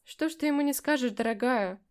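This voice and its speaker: A woman's voice: medium pitch, a little fast, a little mellow, natural voice. A woman reading an audiobook and voicing a sly, playful, powerful witch who talks in a coaxing, teasing way. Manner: coaxing and teasing, mock-surprised.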